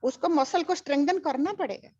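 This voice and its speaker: A woman's voice: sits high, fairly quick, a little mellow. An older woman giving a spiritual teaching, emphatic and repetitive, mixing English phrases into her talk. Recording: dull lo-fi recording.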